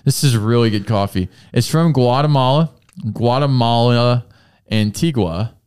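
A man's voice: mid-range voice, measured pace, a little mellow, smooth. A man in his twenties hosting a podcast, rambling and joking in casual chat and laughing often. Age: 20s. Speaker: podcast host.

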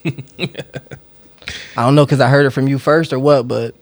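A man's voice: mid-range voice, steady tone, moderate pace, dry recording. A young man co-hosting a podcast, curious and full of questions, laughing often in casual chat. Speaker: podcast co-host.

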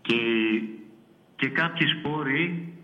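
A man's voice: a little high, fairly even intonation, bright, forceful tone. A man calling in to a show, speaking in a solemn, old-fashioned, churchy way. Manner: pious, old-fashioned formal speech. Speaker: caller. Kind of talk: solemn preachy phone call. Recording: muffled phone line.

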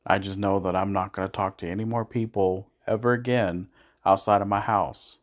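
A man's voice: deep voice, fairly even intonation, normal speed. A man co-hosting a casual podcast chat with his partner, sarcastic and swearing casually. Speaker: podcast co-host.

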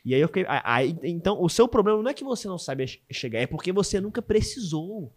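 A man hosting a casual interview, curious and animated, often stumbling and restarting questions. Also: high-pitched, fast talker. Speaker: podcast host.

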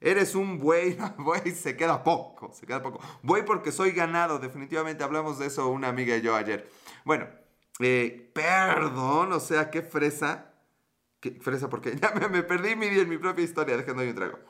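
On his livestream, a young Mexican man casually tells a long, slangy, wandering story, frequently laughing and answering live chat. His voice is on the high side and a bit bright, at a moderate pace.

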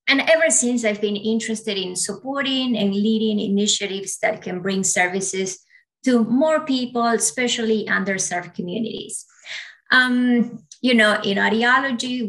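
A woman's voice: medium pitch, fairly bright tone, poor audio. Woman, from Ecuador, native Spanish speaker, 40s, audiologist guest, earnest, explanatory. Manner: earnest, explanatory, with fillers and restarts. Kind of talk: interview.

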